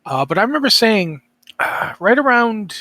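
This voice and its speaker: A man's voice: high voice, big pitch swings, normal speed, pushed and bright. A man hosting a casual podcast, rambling and interrupting himself with a wry streak. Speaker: podcast host.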